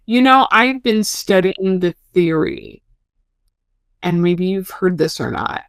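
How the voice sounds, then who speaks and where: A woman host speaks with a smooth, resonant voice as she affirms her guest and asks more questions. The sound is dry and close. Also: lowish voice, very animated, slow pace, dry recording. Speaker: podcast host. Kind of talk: conversational interview.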